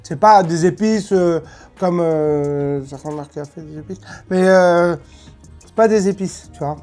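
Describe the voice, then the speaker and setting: A woman's voice: on the low side, unhurried, dark tone. A woman giving casual, chatty and emphatic tasting commentary in colloquial speech. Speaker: host of food tasting video. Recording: music playing behind.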